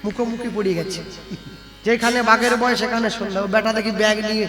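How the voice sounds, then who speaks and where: A man telling devotional stories as a kirtan singer and preacher, in an animated, teasing way. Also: high voice, fast talker. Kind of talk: devotional storytelling sermon with song. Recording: echoey hall with live music. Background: devotional music.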